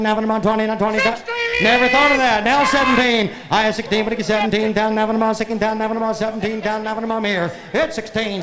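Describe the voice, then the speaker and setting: Male auctioneer, high voice, rapid rhythmic bid chant, echoey arena, crowd noise behind. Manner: rhythmic rolling bid calls, loud. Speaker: livestock auctioneer. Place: large indoor livestock show arena. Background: crowd murmur.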